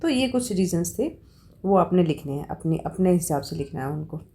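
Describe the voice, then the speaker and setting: A woman, tutoring for an exam, who explains slowly in Hindi and reads out English questions, with many fillers. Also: on the low side, expressive, creaky, dark tone. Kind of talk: informal exam-prep lesson.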